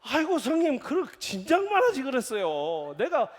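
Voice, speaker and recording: A man voicing a flustered younger king who pleads with his elder in a high, whiny voice. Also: huge pitch swings, normal speed, heavily acted. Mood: pleading. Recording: echoey church hall.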